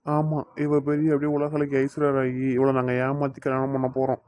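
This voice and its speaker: A man's voice: mid-range voice, level tone, brisk, a little mellow, no echo, close to an everyday voice. A man voicing a teasing but doting young man in a cartoon, speaking with a Tirunelveli Tamil accent. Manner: teasing, coaxing, playfully scolding. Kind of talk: cartoon voice acting.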